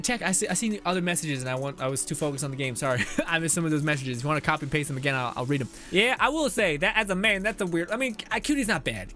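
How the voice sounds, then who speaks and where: A young man streams a game with a slightly high, somewhat bright voice, chatting casually, laughing often and reading chat messages out loud. He sounds out of breath at times during this relaxed live-stream commentary.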